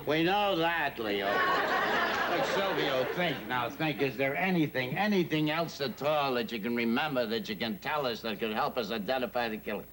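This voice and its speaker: An actor playing a brisk, bossy, wisecracking detective school teacher in a sitcom. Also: male voice, medium pitch, sing-song, background noise, lightly acted. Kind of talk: sitcom acting before studio audience. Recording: studio audience laughter.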